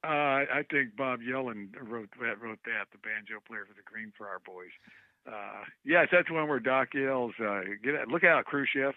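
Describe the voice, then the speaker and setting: A man talks over a thin, tinny phone line that sounds close and dry. He tells rambling, animated stories and keeps circling back to names he can't recall. His voice sits at an ordinary middle pitch. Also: measured pace, dry recording. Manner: rambling, animated storyteller, loses track of names. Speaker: guest musician on a call. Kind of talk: casual phone chat.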